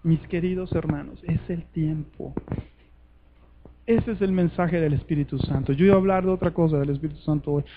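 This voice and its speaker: A man preaching a sermon to a conference, urgent and fervent, swinging between loud appeals and hushed words. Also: a little high, brisk, narrow, tinny audio, noisy background.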